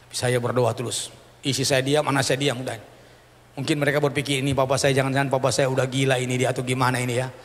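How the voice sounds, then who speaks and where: A man's voice: mid-range voice, fast talker. A middle-aged man, a pastor, telling a personal testimony in a sermon, acting out the people in his story as he goes. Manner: animated storytelling, acting out dialogue. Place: church sanctuary. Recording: church hall reverb.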